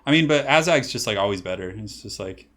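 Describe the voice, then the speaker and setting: A young Californian man casts a strategy game match while chatting with his stream's chat, rambling with lots of "like," fillers and false starts. His fairly low voice is expressive, a bit bright and a little fast.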